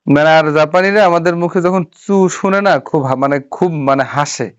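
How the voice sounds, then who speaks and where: A man's voice: on the high side, moderate pace, smooth. A man teaching a Japanese writing class, patiently walking through each stroke step by step and checking that students follow. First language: Bengali. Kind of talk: classroom lesson. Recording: dull lo-fi sound.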